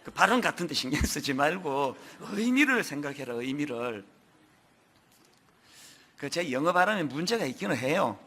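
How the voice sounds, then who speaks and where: A middle-aged man delivers an earnest sermon from a church pulpit. His voice sits high and bright, swinging widely in pitch as he poses rhetorical questions and reads scripture aloud. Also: big pitch swings, normal speed, long pauses, breathy edge. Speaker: pastor. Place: church sanctuary.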